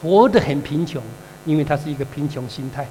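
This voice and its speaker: Male pastor, high and animated, preaching in an echoing church hall. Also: brisk. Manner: animated storytelling, calls for congregation responses. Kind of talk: sermon. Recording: reverberant hall with mains hum.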